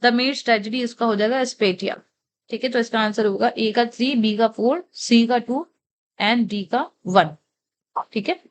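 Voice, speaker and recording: A young woman with an Indian English accent, explaining exam answers step by step and reading the English questions out slowly. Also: a little high. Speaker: teacher. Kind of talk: exam answer walkthrough lecture.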